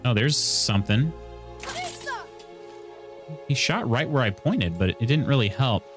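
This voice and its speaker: This thirtysomething streamer talks in an expressive, mid-range voice at a slightly slow pace, with music playing behind him. He has an Indiana Midwestern accent and gives casual gameplay commentary while reading chat, speaking into an arm-mounted studio mic near his face in a small home room.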